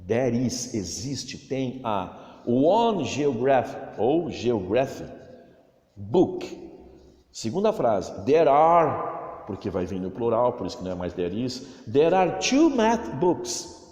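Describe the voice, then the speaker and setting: A Brazilian Portuguese-speaking male teacher giving a recorded English lesson for children, drawing out English words slowly to model their pronunciation. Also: mid-range voice, big pitch swings, darkish tone. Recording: echoey room with long reverb.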